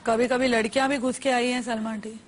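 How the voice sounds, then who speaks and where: A woman's voice: fairly high pitch, level tone, a little fast, a little hiss or hum. A woman hosting a talk show interview, playful and probing, mixing Hindi and English. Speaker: host.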